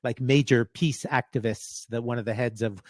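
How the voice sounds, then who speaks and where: A middle-aged man being interviewed as a professor, speaking gravely in halting bursts, restarting phrases as he searches for words. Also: mid-range voice, steady tone, darkish tone, dry recording. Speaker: guest, professor. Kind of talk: remote interview conversation.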